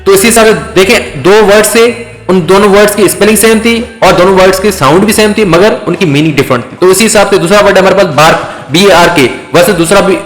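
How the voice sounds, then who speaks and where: A man giving an English vocabulary lecture, explaining slowly with many fillers and check-ins. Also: high voice. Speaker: English teacher. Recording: echoey room with faint music.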